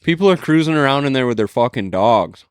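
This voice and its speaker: Smooth-voiced man ranting casually. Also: medium pitch, lively intonation, fast, no room sound, studio quality. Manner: profane, ranting storyteller. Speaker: podcast co-host. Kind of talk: casual chat.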